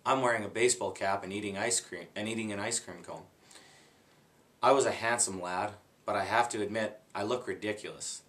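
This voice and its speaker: A man reading a children's book aloud in an unhurried, plain way, stopping now and then to redo a slip. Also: on the low side, fairly bright tone. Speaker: guest reader.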